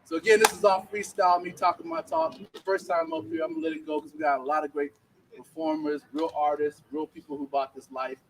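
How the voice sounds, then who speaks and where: A Liberian man with a fairly high voice does loose, conversational freestyle stand-up at an open mic, talking fast. The event is an outdoor bonfire, captured by a distant mic with background noise.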